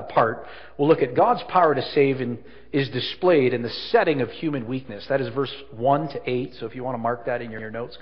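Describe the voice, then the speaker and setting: A man's voice: mid-range voice, slightly rough. A man preaching a sermon as pastor, his voice ringing with big hall echo in a large room. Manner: earnest preaching with strong stresses and drops. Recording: echoey hall, slightly dull sound.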